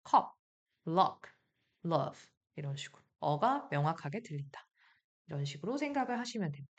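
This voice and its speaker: A woman teaching English pronunciation, explaining patiently and modeling words slowly with repeats. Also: on the low side, highs cut off. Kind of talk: explanatory lesson.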